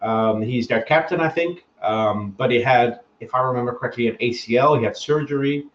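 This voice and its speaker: A man appears as a guest analyst on a casual podcast, voicing his opinions in a medium-pitched voice at a slightly fast pace. He regularly stalls with ums and begins sentences again, with dull, echoey, lo-fi remote audio.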